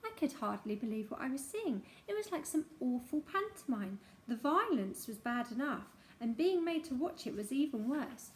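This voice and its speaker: A woman narrating a childhood memoir aloud in an expressive storytelling manner. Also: sits high, normal speed, hardly any pauses, slight background noise.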